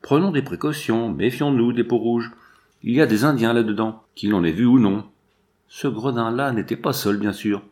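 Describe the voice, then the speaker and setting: A man's voice: mid-range voice, normal speed, darkish tone, natural voice. A man voicing a cautious young frontier hunter in an audiobook, warning the others in an urgent, commanding way.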